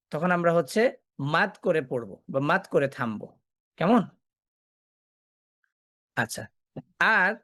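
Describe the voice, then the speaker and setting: Patient teacher quizzing and repeating. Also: male voice, a little high, a bit bright, dry recording. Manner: asks questions and answers them himself, repeats key points. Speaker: Quran recitation teacher. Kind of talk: classroom lesson.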